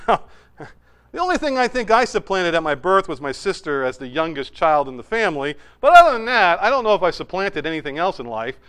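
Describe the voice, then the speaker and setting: A middle-aged male pastor from New Hampshire delivers a conversational sermon. His voice sits fairly high and sounds smooth and clear. He tells personal anecdotes with humor and plenty of asides. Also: a little fast. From New Hampshire, USA. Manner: animated storytelling, with humor and asides.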